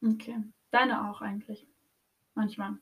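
A woman's voice: mid-range voice, flat delivery, measured pace. A young woman co-hosting a podcast, chatting casually and asking playful, teasing questions. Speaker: podcast co-host. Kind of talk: casual chat.

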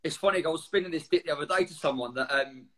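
A man in his forties with an Essex accent and a slightly high-set voice. He chats informally in an interview, telling stories in blokey slang with the odd swear word. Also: racing, fairly bright tone. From Essex, England. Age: 40s. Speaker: guest, former military serviceman. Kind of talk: casual anecdotal interview chat.

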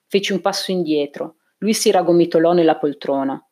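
Woman narrating a novel, low and measured. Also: warm tone. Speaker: audiobook narrator. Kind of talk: first-person audiobook narration.

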